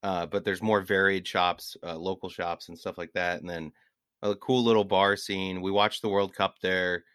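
A man's voice: deep voice, little pitch movement, moderate pace, a bit bright, smooth, no room sound, clean studio sound. A man co-hosting a podcast, telling rambling travel stories in casual chat and laughing at his own anecdotes. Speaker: podcast co-host.

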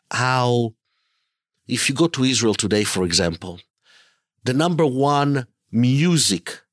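Animated middle-aged man from Italy. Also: medium pitch, no room sound, clean studio sound. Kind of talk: conversational interview.

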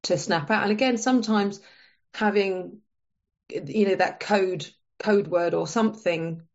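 A woman's voice: mid-range voice, measured pace, muffled recording. A woman guest talking casually in a podcast interview, chatty and full of fillers and restarts. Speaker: menopause coach, guest.

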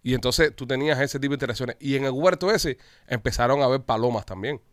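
Fast-talking man, dry sound. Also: medium pitch, dry recording. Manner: animated storyteller, profane. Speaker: podcast host. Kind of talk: casual group chat.

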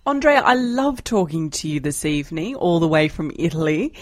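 A woman hosting a podcast, asking friendly, clear questions and signing off the show. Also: low-pitched, expressive, moderate pace, darkish tone, no echo. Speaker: podcast host. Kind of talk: podcast interview and sign-off. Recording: dry close mic with faint music.

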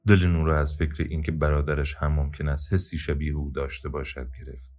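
A man reading an audiobook in a steady, measured narration. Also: extremely low pitch. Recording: faint background music.

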